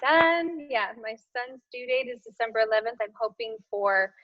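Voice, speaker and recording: A woman's voice: fairly high pitch, expressive, moderate pace, muffled recording. A woman esthetician and clinic owner, a podcast guest, talking in a friendly, chatty way with fillers. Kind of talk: casual interview chat.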